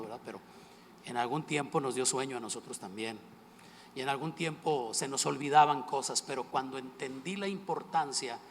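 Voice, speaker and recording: A man's voice: on the high side, fairly bright tone, a little hiss or hum. A male pastor from Monterrey, Mexico, preaching a sermon with passion and bantering with the congregation. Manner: impassioned, plays to the congregation with jokes and questions. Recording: long hall reverb.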